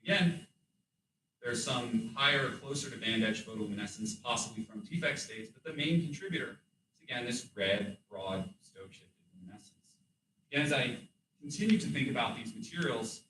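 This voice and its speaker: A man's voice: mid-range voice, animated, moderate pace, sharp tone, recorded from a distance. Guy doing a thesis defense, kinda hesitant and hedging, roomy echo, bit of background noise. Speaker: doctoral candidate presenting research. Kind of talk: academic thesis defense presentation. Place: room with audible echo.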